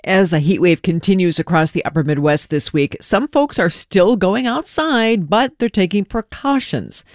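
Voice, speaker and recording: A man hosting a regional radio news show, presenting in a smooth, measured way. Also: sits high, no room sound, clean studio sound.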